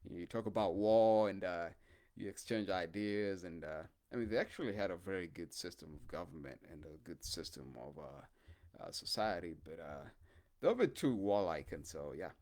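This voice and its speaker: Low-voiced man rambling. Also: lively intonation, moderate pace, darkish tone. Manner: rambling, hesitant, many fillers. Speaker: podcast host. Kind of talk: casual monologue.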